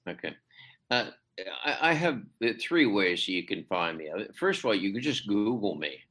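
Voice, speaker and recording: A literary translator talks in a conversational podcast interview, hesitant and full of fillers and restarts. His very animated voice is a bit bright and moves at a moderate pace, his pitch climbing sharply whenever he stresses a point.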